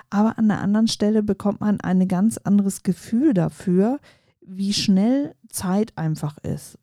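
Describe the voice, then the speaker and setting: A woman in her forties hosting a coaching podcast, talking calmly and reflectively straight to the listener. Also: medium pitch, no echo, clean studio sound. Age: 40s. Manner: calm, reflective, addresses listener directly. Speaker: podcast host.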